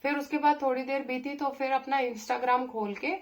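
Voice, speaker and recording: A young woman, telling a personal story in a chatty way, with pauses and fillers. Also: high voice, fairly even intonation. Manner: chatty, with many pauses and fillers, acting out her own angry replies. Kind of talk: casual storytelling.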